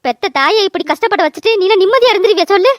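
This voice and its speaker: A woman's voice: extremely high pitch, animated, racing, dry recording, clean studio sound. A woman voicing a distraught, fiercely protective young village wife, wailing and scolding. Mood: furious. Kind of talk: cartoon voice acting.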